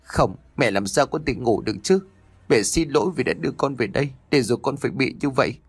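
A man voicing a grief-stricken middle-aged mother with a high, strained wail. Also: fairly quick, breathy edge, no echo. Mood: tearful.

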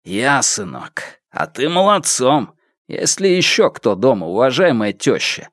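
A grim bandit chief and father speaks in a slow, measured, deliberate way , as a male reader plays him close to his own voice. His tone stays low and even. The recording is dry and close. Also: dry recording. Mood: stern. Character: stern bandit leader and father, grim and resolute.

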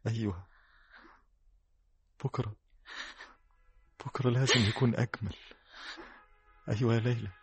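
An actor with an Egyptian accent playing a weary, long-suffering farmer uncle who speaks with solemn resolve in a vintage radio drama. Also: male voice, medium pitch, fairly even intonation, moderate pace, long pauses, heavy background noise, lightly acted. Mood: resolute. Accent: Egyptian Arabic.

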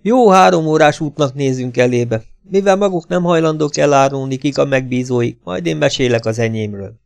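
A man voicing an excitable, vain middle-aged male Russian violinist who pleads and protests in a raised, high-pitched voice. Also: gravelly, clean tone, no echo, close to an everyday voice. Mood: pompous.

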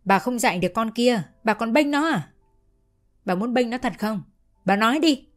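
A woman's voice: fairly high pitch, animated, moderate pace, close to an everyday voice. A woman voicing a drunk, bullying middle-aged stepfather who scolds in a slurred drunken voice. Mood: drunken rage.

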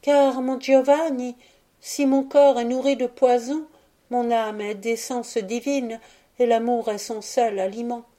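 A tender, pleading young girl, her grief held under a gentle voice, as a woman reading the story puts her on. The tone is raised and bright above the reader's own, yet stays mellow and soft. She sounds like a storybook heroine. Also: on the high side, level tone, unhurried, voice pushed up, natural voice.

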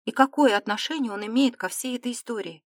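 A woman's voice: on the high side, quick pace, no echo, studio quality, close to an everyday voice. A woman voicing a stubborn, demanding young noblewoman in an audiobook, with firm, insistent delivery. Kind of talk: audiobook character reading.

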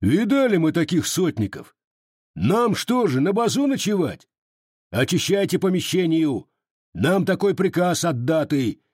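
A man reading the part of a loud, scornful Cossack soldier. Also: on the high side, slightly rough, no echo, studio quality, voice pushed up, heavily acted.

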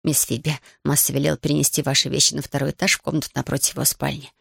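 A woman's voice: deep voice, little pitch movement, fast, creaky, no echo, clean studio sound. A woman voicing a subdued, evasive housekeeper in an audiobook, who mutters her words. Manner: muttered, avoids eye contact.

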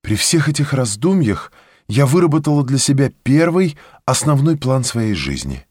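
A man's voice: mid-range voice, sing-song, normal speed, darkish tone, husky, no echo, studio quality, voice pushed up. A man reading a story, voicing a proud, passionate young woman in a fervent, declamatory way.

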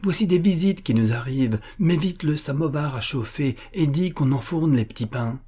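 Reading aloud, a man voices an elderly Russian country widow, a doting mother who fusses over her son in a raised voice with fussy, affectionate exclamations and overjoyed mood. His voice is a little high, mellow and husky, pushed up, with lively intonation at normal speed.

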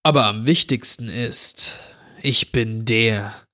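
A man voicing a dirty, menacing stranger who grants children's wishes, speaking with a slow, mocking drawl in a horror story reading. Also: fairly low pitch, pushed and bright.

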